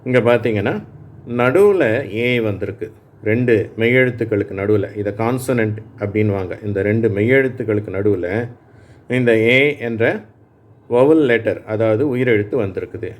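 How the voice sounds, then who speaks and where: A man teaching English phonics in Tamil, saying words aloud for learners to repeat and often checking that they follow. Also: lowish voice. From Tamil Nadu, India. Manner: explains slowly, checking in with "சரியா?". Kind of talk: Tamil-language phonics lesson.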